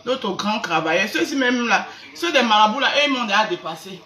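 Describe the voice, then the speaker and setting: A woman's voice: fairly high pitch, expressive, fast, bright, forceful tone. A woman with a Cameroonian accent hosting a casual live stream, greeting viewers and mocking people with sarcastic, stammering repeats. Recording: echoey room, faint background noise.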